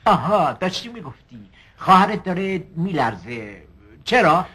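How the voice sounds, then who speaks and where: An actor playing a pushy male psychiatrist who keeps pressing his patient with insistent, coaxing questions, in a raspy voice. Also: sits high, big pitch swings, sharp tone, full character voice. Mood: probing.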